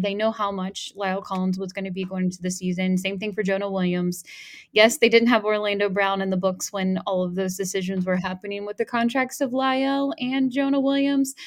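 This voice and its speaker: A woman co-hosting a sports podcast, chatting casually and thinking aloud as she goes. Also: mid-range voice. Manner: thinking aloud with fillers and restarts. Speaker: podcast co-host.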